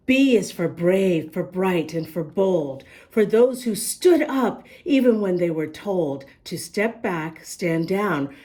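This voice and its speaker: Reading a picture book to young children, a woman storytime host speaks on the low side. Her delivery is expressive, and she frequently addresses the children with questions.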